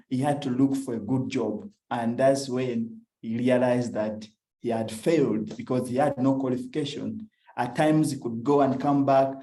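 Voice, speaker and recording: A young man with a Ugandan English accent speaks earnestly into a video call, his voice mellow and set in an echoey room. He tells a personal story with frequent hesitations. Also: mid-range voice. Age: young adult. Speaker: climate activist speaker. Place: at home.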